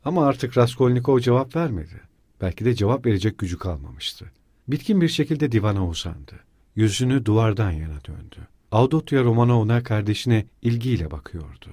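Man narrating a novel, measured and expressive, dry studio sound. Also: on the low side, dry recording. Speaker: audiobook narrator. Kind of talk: scripted narration.

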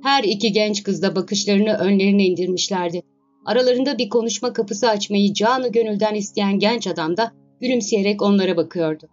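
Female narrator, steady storyteller, slightly dull lo-fi recording with faint music behind. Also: mid-range voice, fairly quick. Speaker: audiobook narrator. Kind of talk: scripted narration of a classic novel.

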